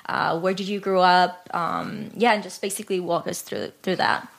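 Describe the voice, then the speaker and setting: A woman's voice: fairly low pitch, lively intonation, normal speed, gravelly. Upbeat woman hosting a faith podcast. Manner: warm, laughing, encouraging. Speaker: podcast host.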